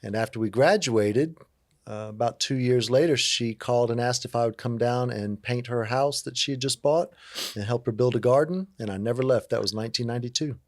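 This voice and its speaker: A man in his fifties from Virginia tells his story in a relaxed, frank manner, joking about himself. His voice sits at an ordinary middle pitch. The recording is close and dry, with little room sound. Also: brisk, no echo. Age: 50s. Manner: relaxed, candid, self-joking. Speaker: interview guest. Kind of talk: casual storytelling conversation.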